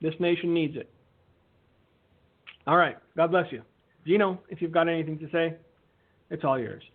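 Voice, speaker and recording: Earnest preacher over a tinny line. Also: male voice, a little high. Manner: earnest, measured blessings. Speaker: radio minister. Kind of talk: closing a radio sermon. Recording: phone-like lo-fi line.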